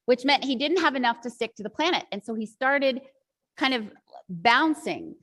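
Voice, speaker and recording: A woman's voice: on the high side, animated, moderate pace, fairly bright tone. A woman teacher trainer giving a workshop talk to other teachers, telling a classroom story in a chatty, rambling way with many asides.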